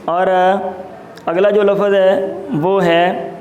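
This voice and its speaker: Man, teacher, fairly high voice, repeats each term slowly, echoey classroom, faint hum. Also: flat delivery, darkish tone, highs cut off. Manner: explains words slowly, repeating terms, mixes in Punjabi asides. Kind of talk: classroom lecture explaining vocabulary.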